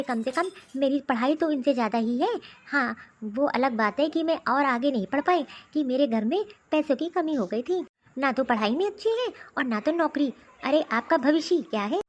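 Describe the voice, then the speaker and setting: A woman voicing a sharp-tongued, defiant young daughter-in-law in a cartoon story. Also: sits high, lively intonation, normal speed. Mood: indignant. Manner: talking back, defiant.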